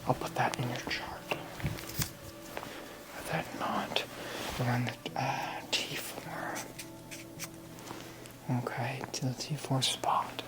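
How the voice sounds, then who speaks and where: A whispered role-play by an ASMR performer as a gentle, attentive massage therapist, soothing and instructional. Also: mid-range voice, low-quality recording. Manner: soothing, slow counting, instructional. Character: gentle, attentive massage therapist talking a client through treatment.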